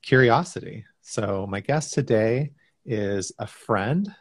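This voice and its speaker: A man's voice: mid-range voice, lively intonation, takes it slowly, husky, no room sound, studio quality. A man hosting a podcast interview, introducing his guest in an easygoing way with frequent hesitations. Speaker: podcast host.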